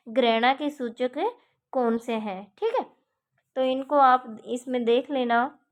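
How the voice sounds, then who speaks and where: Lady teacher going through grammar examples one by one, slightly high voice, keeps checking in. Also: lo-fi sound. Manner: explains step by step, repeats examples, checks with "ठीक है". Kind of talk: exam-prep grammar lesson.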